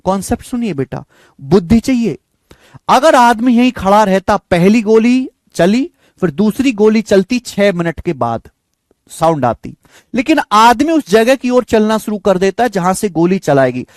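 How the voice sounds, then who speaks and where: A high-voiced man teaches a maths word problem, his pitch swinging widely as he stresses each step. He repeats phrases over and over, imitates gunshot sounds and calls his students "beta" and "dear friends". The recording is close and dry. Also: very animated, normal speed, dry recording.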